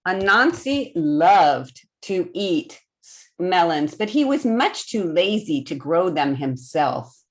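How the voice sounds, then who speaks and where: Very animated yet slow, with a fairly low voice, this storytime reader performs stories for young children on a video call. She sticks to simple, encouraging phrases as she reads aloud.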